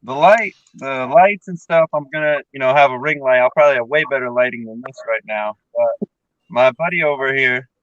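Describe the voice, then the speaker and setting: A man's voice: medium pitch, a little fast, fairly bright tone, no echo, lo-fi sound. A man, a kayak angler, chatting casually and rambling over a video call. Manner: casual, rambling, self-correcting.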